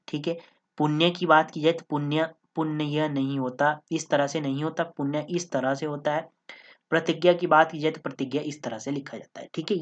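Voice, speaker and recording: Low-voiced woman teaching grammar. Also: dull audio. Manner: explanatory, repeats "ठीक है" and "दोस्तों". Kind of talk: exam-prep lesson.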